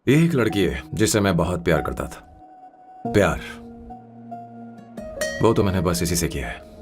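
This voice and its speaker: A man's voice: low-pitched, sing-song, a little slow, over music, heavily acted. A man voicing a lovestruck young hero in a film dub, emotional and pleading. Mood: tender.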